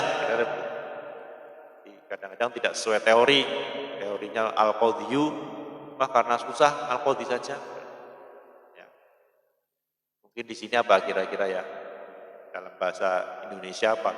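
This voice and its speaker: A man's voice: fairly low pitch, normal speed, long pauses, fairly bright tone. A man teaching an Arabic grammar lesson, patiently explaining and repeating his points, reading Arabic text and glossing it. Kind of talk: pesantren kitab lesson. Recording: echoey hall with long reverb.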